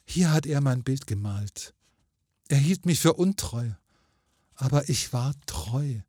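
A man's voice: mid-range voice, expressive, slow pace, mellow, husky, no echo, clean studio sound, voice pushed up. A man voicing the faint, sweet ghost of a murdered young woman in a storybook reading, pleading and lamenting.

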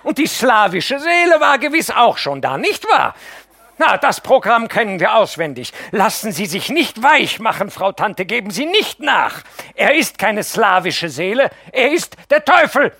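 A man's voice: high-pitched, big pitch swings, slow pace, few pauses, fairly bright tone, dry recording, pitched above the performer's own voice, full character voice. A man reading an audiobook, voicing a bitter, hysterical young woman who hurls frantic accusations.

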